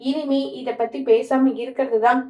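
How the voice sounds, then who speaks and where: A woman's voice: high voice, steady tone, moderate pace, darkish tone, reverberant, lightly acted, low-quality recording. A woman reading the lines of a blunt young man who angrily refuses a mother's plea. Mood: angry. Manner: angry, reproachful.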